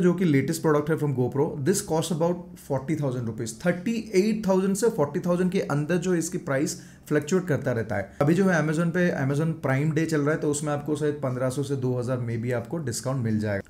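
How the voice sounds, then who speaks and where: His voice is a little high and a little mellow: a man in his thirties with an Indian accent, vlogging about motorcycles and reviewing action cameras. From an indoor home gaming room, speaking into a large foam desk mic, he chats casually in a blend of Hindi and English while displaying the gear.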